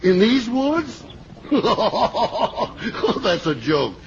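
Hearty father, highish animated voice. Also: moderate pace. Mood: teasing, concerned. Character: hearty, teasing middle-aged father. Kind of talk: old-time radio comedy acting. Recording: dull, faintly noisy vintage radio recording.

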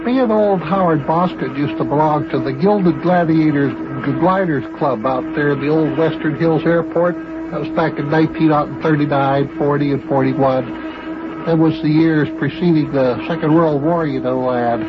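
A man's voice: on the high side, normal speed, over music, lightly acted. A man playing a folksy, boastful airplane pilot in an old children's radio serial. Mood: relaxed, chatty. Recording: muffled old radio recording.

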